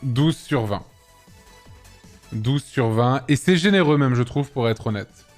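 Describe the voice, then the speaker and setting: A man in his thirties hosting a casual chat. He jokes around, and his voice jumps high when he protests at being teased. Faint music plays underneath. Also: expressive, unhurried. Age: 30s. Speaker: host. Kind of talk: casual chat ranking cities.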